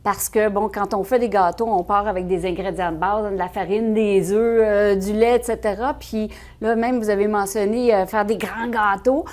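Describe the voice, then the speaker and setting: A woman's voice: mid-range voice, fairly even intonation, normal speed, hardly any pauses, a little mellow. A woman interviewing a guest, asking curious questions in a playful way. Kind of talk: local radio interview.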